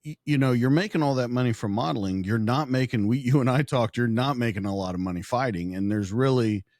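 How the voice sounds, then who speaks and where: A man's voice: medium pitch, fairly quick, darkish tone, no echo, clean studio sound. A man hosting a podcast, easygoing, asking long framing questions in conversational interview style. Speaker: podcast host.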